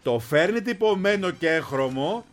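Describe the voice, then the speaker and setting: A man co-hosts a radio show in playful banter, his voice leaping up and down with animated emphasis. He teases his partner and makes big comic points. A faint music bed plays beneath him. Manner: animated, teasing, pitch jumps for emphasis. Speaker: co-host.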